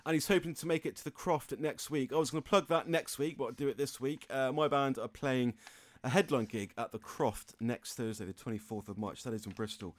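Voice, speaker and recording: A man's voice: medium pitch, fairly quick, hardly any pauses. A man hosting a local radio show in a studio, rambling and jokey, laughing often. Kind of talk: casual on-air chat and announcements. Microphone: studio microphone.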